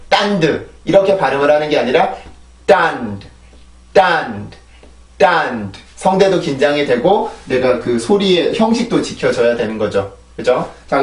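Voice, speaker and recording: A man's voice: a little high, darkish tone, roomy sound, recorded from a distance. A man teaching English pronunciation in a recorded lesson, explaining patiently and repeating each drill word three times. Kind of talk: recorded video lesson, explaining and modeling sounds.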